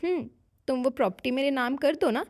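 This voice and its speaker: A woman's voice: high-pitched, fairly quick, darkish tone. Coquettish young woman, bold and scheming, voiced by a female narrator, audiobook. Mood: coaxing. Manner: playful, coquettish. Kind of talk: audiobook character reading.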